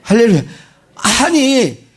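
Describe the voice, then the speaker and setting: A male pastor delivering an animated sermon, firing rhetorical questions at the congregation and mimicking worshippers' prayers. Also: extremely high pitch, slow, breathy edge.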